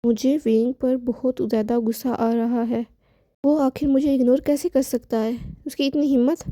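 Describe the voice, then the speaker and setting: A woman reads as a proud teenage schoolboy in a storybook, curt and easily irritated. The voice sits high and even, with a mellow tone. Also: normal speed, no echo, studio quality, lightly acted. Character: angry proud teenage boy student.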